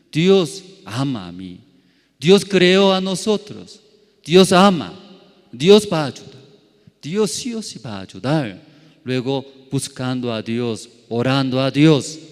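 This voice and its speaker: A man preaching a Sunday sermon at a very unhurried pace. His plainly worded, learner-like phrasing swells into loud, emphatic lines and then falls back to near quiet. Long reverb from a church hall trails every phrase. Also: mid-range voice, sing-song. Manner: simple, non-native Spanish grammar. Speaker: pastor. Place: church service.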